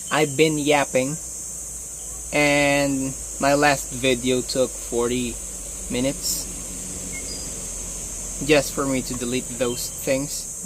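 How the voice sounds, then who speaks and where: A young Filipino man, speaking English as his second language with a Filipino accent, records a casual, hesitant vlog on his phone, full of fillers and restarts. His voice is medium-pitched, and the rough recording has a little hiss or hum.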